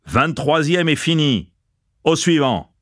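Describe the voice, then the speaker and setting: A man voicing an angry, suspicious male prison camp cook who shouts at the prisoners. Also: a little high, animated, brisk, no room sound, clean studio sound, pitched above the performer's own voice. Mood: bellowing, suspicious.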